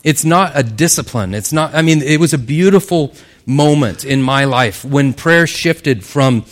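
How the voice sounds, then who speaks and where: A man's voice: medium pitch, unhurried. Earnest male preacher. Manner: earnest, conversational preaching with frequent "right?". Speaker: pastor. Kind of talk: sermon.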